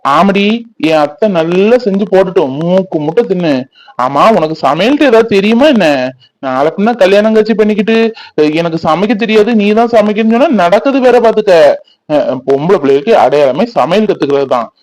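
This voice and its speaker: A man's voice: sits high, animated, a little fast, a little mellow, no room sound, rough recording. A young man, playing a teasing, boastful village youth who dotes on his sweetheart. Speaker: actor in a family fan drama. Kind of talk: village romance drama acting.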